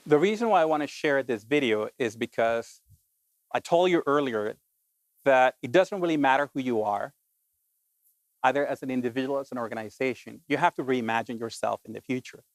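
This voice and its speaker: A middle-aged man from Colombia giving an animated, emphatic talk to an audience as a keynote speaker, often saying "basically". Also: mid-range voice, fairly quick, dry recording.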